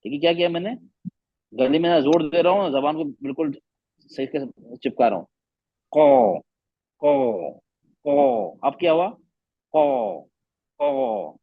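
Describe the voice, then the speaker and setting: A man's voice: fairly high pitch, very animated, moderate pace, gravelly, long pauses, no echo, lo-fi sound. A man teaching a Quran recitation class online, patiently repeating letter sounds to demonstrate them.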